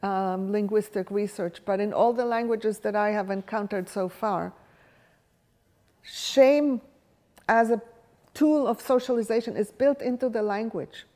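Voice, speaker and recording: Leading a live workshop, a woman who speaks Hebrew as her first language reasons out loud and asks the room questions. She speaks at a measured pace in a mellow, medium-pitched voice.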